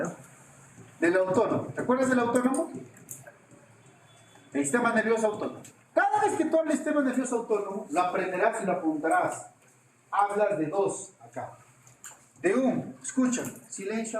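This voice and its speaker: A man teaching an anatomy class, joking and quizzing his students with quick questions. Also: high voice, slight background noise. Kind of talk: classroom lecture with jokes. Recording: echoey classroom with faint ambience.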